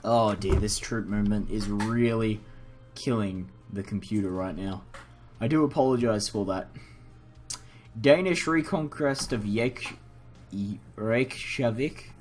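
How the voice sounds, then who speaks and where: A young native English-speaking man hosts a gaming video, recorded indoors at his computer, with a lowish voice and a measured pace. His casual, unscripted game commentary rambles and is full of self-deprecation and apologies.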